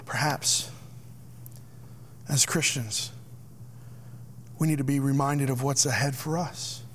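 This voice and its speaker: A man preaching a sermon as pastor, slow and deliberate, sometimes dropping to a hushed near-whisper. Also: medium pitch, steady tone, a little hiss or hum.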